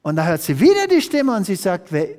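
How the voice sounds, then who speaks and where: A man's voice: high voice, brisk. A man preaching a sermon as an evangelist, telling a story and acting out the quoted speech of its characters. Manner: animated storyteller who acts out quoted speech. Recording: echoey hall reverb.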